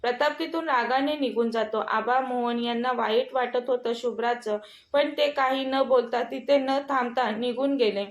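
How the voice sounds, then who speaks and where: A woman's voice: a little high, moderate pace. Woman narrating a drama story. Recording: echoey room.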